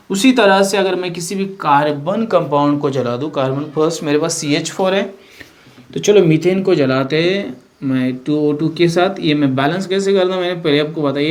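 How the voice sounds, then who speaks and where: A male science teacher who works through a chemistry lesson at the board, thinking aloud with fillers and self-corrections. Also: fairly high pitch.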